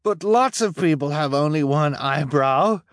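Guy playing a panicky high-pitched man begging for his life, storybook, dry sound. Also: lively intonation, a little slow, dry recording. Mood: frantic. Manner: pleading, panicked. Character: frantic terrified accused man.

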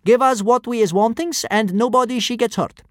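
A man's voice: extremely high pitch, a little fast, no room sound, studio quality, voice pushed up. A man voicing a burly male Roman thug in disguise who speaks in broken, garbled sentences. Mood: menacing. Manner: shouty, garbled grammar.

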